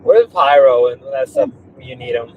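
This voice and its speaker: A man's voice: medium pitch, moderate pace, narrow, tinny audio, a little hiss or hum. A man giving casual, profane running commentary in an exasperated way.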